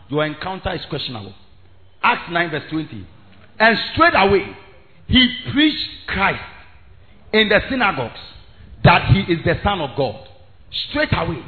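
A man with a Ghanaian accent preaching an impassioned evangelistic sermon, emphatic and repetitive, switching between English, Twi and Ghanaian pidgin. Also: high voice. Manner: emphatic, repetitive, rising to shouts. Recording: thin phone-like sound, faint music.

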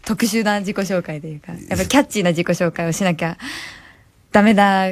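A woman's voice: lowish voice, brisk, a little hiss or hum. A young woman guesting on a live radio show, answering politely and giggling often. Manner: polite, giggly, bright replies. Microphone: studio mic.

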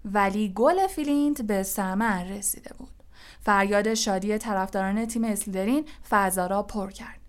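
A woman narrates a storybook in a measured, unhurried reading voice. Her voice sits at a middle pitch. At tense points her reading softens to a near whisper. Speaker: audiobook narrator. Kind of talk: scripted narration.

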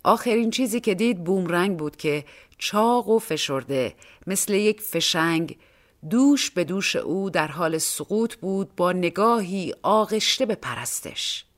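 A woman's voice: on the low side, lively intonation. A woman narrating a short story for an audiobook, reading expressively and acting out the dialogue.

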